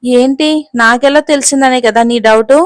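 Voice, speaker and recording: A woman voicing a furious young man, a boss, who shouts bitterly. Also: a little high, steady tone, normal speed, no room sound, natural voice.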